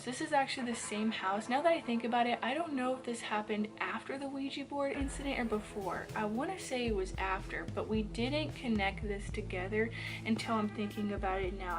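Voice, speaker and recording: Chatty woman telling spooky stories. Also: a little high. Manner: chatty, lots of "like" fillers, swears, acts out quotes. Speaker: vlogger. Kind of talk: casual storytelling to camera.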